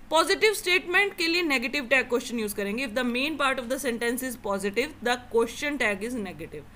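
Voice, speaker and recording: A young woman with an Indian accent teaching English grammar. She reads each rule slowly in English and then explains it quickly in Hindi. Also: on the high side, pushed and bright. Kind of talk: classroom lesson explaining grammar.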